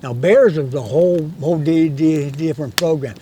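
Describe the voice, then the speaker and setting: A man in his eighties, an interviewed guest who works as a hunting guide, casually rambles through hunting stories outdoors in a canyon, often stammering and repeating words. His fairly high voice moves at normal speed against a noisy background.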